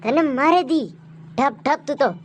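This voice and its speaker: A woman's voice: high-pitched, takes it slowly, noisy background. A woman voicing a naughty schoolboy who lies, stammers and pleads with his father, with a Malvi accent. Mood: scolding. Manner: stammering, pleading, then cursing.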